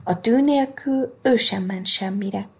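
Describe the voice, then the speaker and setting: Husky gravelly woman reading a storybook. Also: medium pitch. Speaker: reader. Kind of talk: storybook narration.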